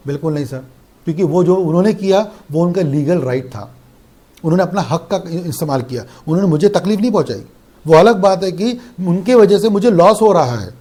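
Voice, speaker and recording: A young man teaching law in a fast, animated online lecture that mixes in English. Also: fairly high pitch. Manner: fast-talking, animated, repetitive.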